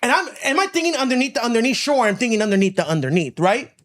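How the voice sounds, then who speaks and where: A man from Florida hosts a casual podcast in a loose, profane rant. His voice moves through a wide, lively pitch range, and he hammers his points by repeating them. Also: quick pace. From Miami, United States. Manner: profane, emphatic, repeats himself. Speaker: podcast host.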